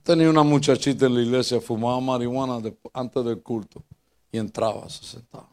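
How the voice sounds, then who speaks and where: An older male pastor with a Puerto Rican accent preaches in a lively, joking way. His voice sits at an ordinary middle pitch, rising into loud bursts and dropping into low asides as he tells stories from his church. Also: brisk. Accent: Puerto Rican Spanish. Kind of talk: humorous preaching with personal stories.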